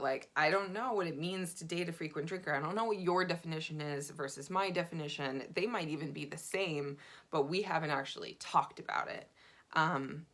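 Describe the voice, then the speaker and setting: A woman vlogger telling a dating story in a chatty, animated way, full of fillers. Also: sits low. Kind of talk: casual dating storytelling to camera.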